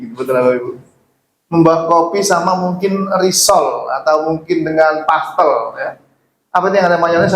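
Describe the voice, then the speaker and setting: In an echoey church hall, a pastor with a slightly high voice preaches, cracking jokes and questioning his listeners. A little background noise can be heard.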